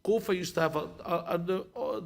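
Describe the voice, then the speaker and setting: A Lebanese sheikh in his thirties, appearing as a guest speaker, answers questions and tells stories in a live discussion. His high, creaky voice moves at normal speed. He's conversational and story-driven, restarting his sentences often.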